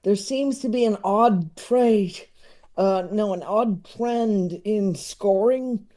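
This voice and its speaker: Slow and warm-toned with a high voice, a comedy expert in his thirties guests on a podcast for a casual chat. He tends to ramble, repeating words as he sorts out his ideas.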